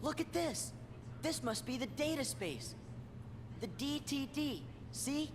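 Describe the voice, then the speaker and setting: A man's voice: extremely high pitch, sing-song, takes it slowly, heavily acted. A young male actor playing an earnest, eager teenage boy hero in a video game cutscene. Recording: game audio under loud music.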